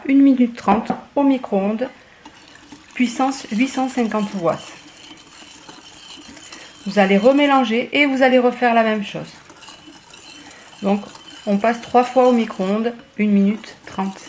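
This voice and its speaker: A woman cooking vlogger walking viewers through a recipe in a chatty, casual way, often pausing on fillers. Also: on the high side, darkish tone, slight background noise. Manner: chatty, hesitant with frequent fillers. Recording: echoey room.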